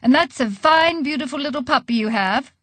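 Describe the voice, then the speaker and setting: A woman voicing a shrill, gushing middle-aged German neighbor with a heavy German accent in a storybook reading. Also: expressive, a little fast, a bit bright, no echo. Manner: gushing, high-pitched calls.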